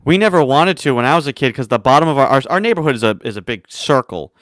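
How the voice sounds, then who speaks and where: A man's voice: mid-range voice, lively intonation, fast, a bit bright, dry recording. A man hosting a college radio talk show, chatting casually, telling stories and laughing often. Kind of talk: casual chat and interviewing.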